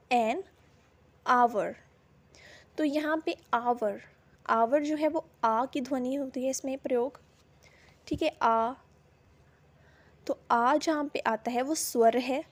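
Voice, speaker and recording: A woman teaches English grammar at a slow, careful pace. Her voice sits high and light. She says each example word twice, deliberately. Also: a little mellow. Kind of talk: explaining a lesson in Hindi.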